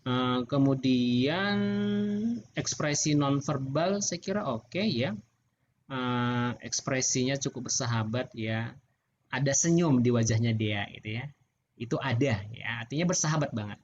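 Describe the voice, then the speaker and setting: Middle-aged male lecturer, Indonesian accent, relaxed chatty feedback, muffled video-call sound. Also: medium pitch, measured pace. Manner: relaxed, chatty, laughs often. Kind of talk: online class feedback. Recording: muffled video-call audio with faint background noise.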